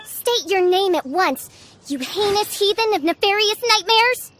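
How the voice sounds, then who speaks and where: High-voiced pompous young princess. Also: female voice, animated, a little slow, fairly bright tone, slight background noise, full character voice. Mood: grave, grandiose. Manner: pompous, archaic, grandiloquent speech. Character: theatrical self-styled princess, young girl, haughty and grandiose. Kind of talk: video game character acting.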